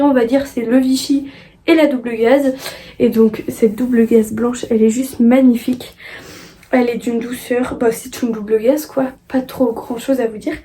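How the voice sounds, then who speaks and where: High-voiced young woman, hesitant. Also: warm tone. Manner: hesitant, many fillers and restarts. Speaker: sewing vlogger. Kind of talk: casual haul chat.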